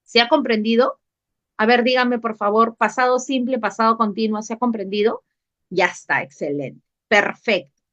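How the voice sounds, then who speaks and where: A woman's voice: a little high, normal speed, a bit bright. A woman English teacher, running an online class, patiently repeating questions and calling on students by name. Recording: dull lo-fi online class audio.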